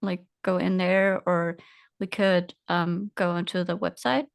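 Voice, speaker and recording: A woman's voice: lowish voice, level tone, measured pace, creaky, clear, resonant tone, no echo. A woman guest presenting a casual screen-share tutorial, hesitant, full of fillers as she walks through the steps.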